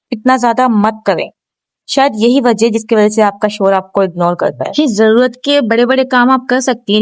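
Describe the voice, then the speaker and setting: A woman's voice: mid-range voice, no echo. A woman with a Pakistani Urdu accent giving earnest, instructive relationship advice straight to the viewer in a vlog. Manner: earnest, instructive, speaks directly to wives. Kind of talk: advice talk to camera.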